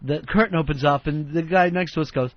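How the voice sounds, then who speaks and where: American guy on radio telling stories, high voice, blunt and sweary, muffled lofi audio. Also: fast talker. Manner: profane, blunt, acts out quotes. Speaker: radio show host. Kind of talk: animated anecdote telling, casual radio chat. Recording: dull lo-fi radio broadcast audio.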